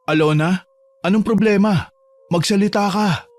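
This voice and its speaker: Calm, reassuring man playing a protective gardener in an audio horror drama, slightly high voice, faint music under it. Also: normal speed, dry recording, lightly acted. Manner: calm, reassuring, low-key. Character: calm, protective male servant helping a trapped girl.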